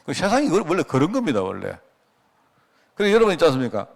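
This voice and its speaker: A man's voice: fairly high pitch, wildly swooping pitch, quick pace, creaky. A middle-aged male pastor giving a conversational sermon at a prayer meeting, asking the congregation rhetorical questions and telling anecdotes. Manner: acts out quoted dialogue.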